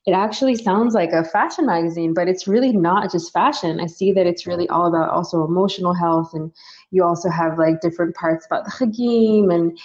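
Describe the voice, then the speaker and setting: Woman interviewer, low voice, chatty, fillers, dull lo-fi recording. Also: brisk, darkish tone. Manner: friendly and chatty, with many fillers. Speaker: interview host. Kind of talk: casual interview conversation.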